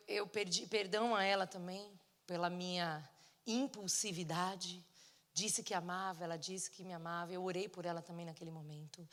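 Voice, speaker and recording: A middle-aged woman telling her story from a church pulpit, her voice bright and ringing. She swings between loud outbursts and hushed moments. A long hall reverb trails every phrase. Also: fairly low pitch. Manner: emotional storytelling, acting out dialogue with big swings in loudness. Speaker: preacher. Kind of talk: sermon testimony. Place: church sanctuary.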